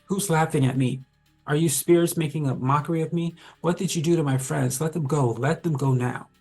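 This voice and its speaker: A man voicing a terrified young man trapped in a haunted house, pleading and desperate, with a husky voice. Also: on the high side, fairly even intonation, a little fast, a little mellow, soft background music. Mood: panicked.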